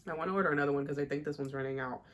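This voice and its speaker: A woman's voice: low-pitched, rapid-fire. A young woman chatting casually through her everyday makeup routine, rambling with fillers and the odd laugh. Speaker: beauty vlogger. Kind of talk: casual makeup tutorial chat.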